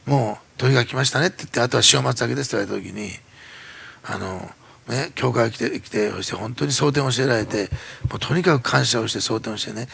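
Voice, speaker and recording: Japanese man preaching in church, fast and animated, sharp bright tone with heavy gravel. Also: medium pitch. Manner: animated storytelling, acts out quoted voices. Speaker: pastor. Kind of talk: sermon.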